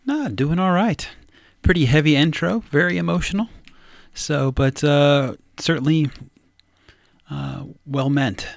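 Gravelly-voiced man chatting casually. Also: a little high, measured pace, no echo, clean studio sound. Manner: relaxed, with filler words. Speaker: show guest. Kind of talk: casual chat.

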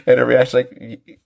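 A man co-hosting a TV review podcast, rambling casually with restarts, laughing often and acting out quoted lines. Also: low voice. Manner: acts out quoted lines with animated voices. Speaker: podcast co-host.

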